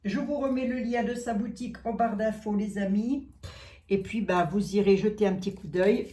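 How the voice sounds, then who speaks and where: A chatty middle-aged woman hosts a casual unboxing for her viewers. She thinks aloud as she goes, repeating words and filling pauses. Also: medium pitch, mellow. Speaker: psychic channel host opening gifts.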